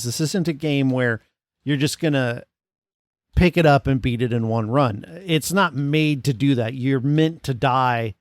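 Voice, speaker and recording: A man's voice: medium pitch, no room sound, studio quality. A man hosting a casual gaming podcast, explaining things in a conversational way. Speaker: podcast host.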